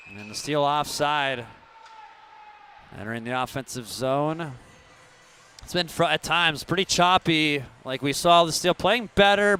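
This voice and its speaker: Male hockey play-by-play voice, smooth and resonant, slightly high, conversational live commentary. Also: pushed and bright. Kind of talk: live sports commentary with promotional reads.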